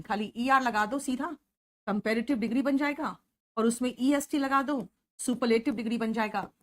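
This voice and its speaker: A woman teacher with a Hindi accent gives an online English lesson, explaining each rule step by step and calling on students by name. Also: on the high side.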